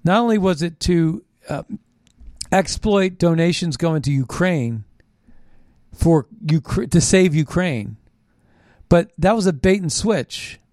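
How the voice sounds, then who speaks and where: A man's voice: a little high, expressive, slow, darkish tone, no echo, studio quality. A man hosting a political talk show, delivering an emphatic, conspiratorial rant as a monologue and repeating phrases for stress. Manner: conspiratorial ranting. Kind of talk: political monologue, reading out own written posts with commentary.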